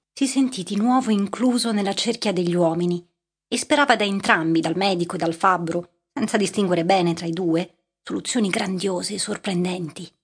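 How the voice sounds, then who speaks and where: A woman narrating a literary audiobook in a measured, steady reading voice. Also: lowish voice, breathy edge.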